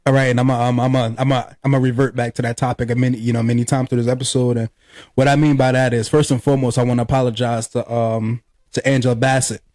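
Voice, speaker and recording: A man's voice: medium pitch, little pitch movement, fast, a little mellow, dry recording, clean studio sound. A man co-hosting a podcast in loose, joking casual chat, laughing often and cursing freely. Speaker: podcast co-host.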